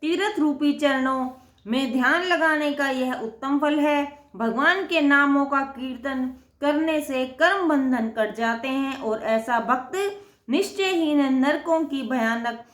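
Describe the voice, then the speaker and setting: A woman reads a devotional scripture aloud at a slow, unhurried pace. Her voice sits high, and the words fall one by one with small self-corrections. The sound echoes as if in a bare room. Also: fairly bright tone. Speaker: scripture reader.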